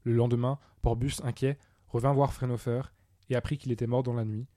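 Narrateur de livre audio, homme, lecture expressive et mesurée, prise sèche. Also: male voice, mid-range voice, no room sound, clean studio sound. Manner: expressive, measured reading. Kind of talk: audiobook narration of a classic tale.

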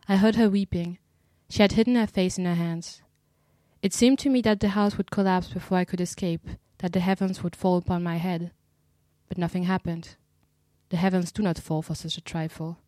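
A woman reading a classic novel aloud, narrating in a measured, dramatic way and voicing the dialogue. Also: on the low side, steady tone, warm tone, dry recording. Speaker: audiobook reader. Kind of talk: scripted literary narration.

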